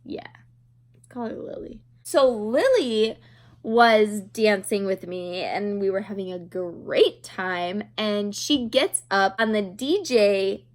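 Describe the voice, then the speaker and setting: This video creator, in her twenties, speaks slowly at a medium pitch. She rambles through a casual, self-deprecating story with lots of giggles while doing her makeup.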